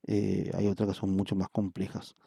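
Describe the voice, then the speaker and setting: A man's voice: sits low, completely flat delivery, moderate pace, creaky, warm tone, breathy edge, dry recording, studio quality. A man, a psychometry professor, giving a recorded statistics lecture. He explains patiently, repeats words and checks in with "¿verdad?" often.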